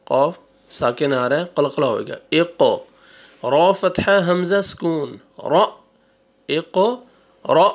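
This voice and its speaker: A male Quran teacher spelling out syllables one by one, drawing out the recited words and giving quick asides between them. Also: fairly high pitch. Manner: slow drawn-out recitation, then quick asides. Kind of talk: spelling out syllables in a reading lesson.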